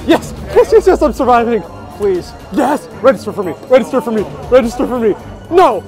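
With a very high-pitched voice and a fairly quick pace, a vlogger in his twenties excitedly narrates his night at outdoor stadium golf bays in the rain, breaking into loud outbursts. He holds an action camera at arm's length to film himself. The outdoor recording is noisy with crowd chatter and music.

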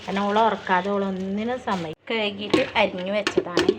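This woman from Malappuram, Kerala, a mother who vlogs home cooking, talks at normal speed in a mid-range voice with fairly even intonation. She chats casually to viewers in her kitchen, peppering her lines with friendly tag questions. Heavy background noise comes from clattering pots, dishes and stirring.

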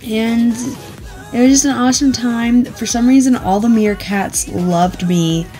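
A woman's voice: a little high, unhurried, warm tone, soft background music. A young woman chatting casually in a travel vlog, upbeat and giggly. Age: young adult. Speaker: vlogger.

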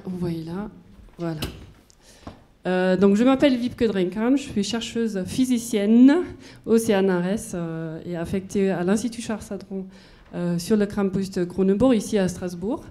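German-accented woman in her forties presenting research at a lecture hall mic; mellow, relaxed timbre, mid pitch. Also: unhurried. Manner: moves about while speaking, explains with everyday examples. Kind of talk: conference talk to an audience. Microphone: handheld microphone.

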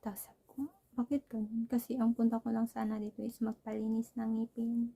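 A woman's voice: on the high side, monotone, a little fast, creaky, warm tone, husky. A young woman from the Philippines, telling a casual, rambling personal story and laughing often. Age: young adult. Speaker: vlogger.

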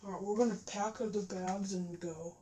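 A woman's voice: mid-range voice, steady tone, normal speed, mellow. A woman giving casual gameplay commentary as a gamer, recorded in a living room on a camera. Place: indoors, living room facing a TV. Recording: roomy echo, background noise, controller clicks.

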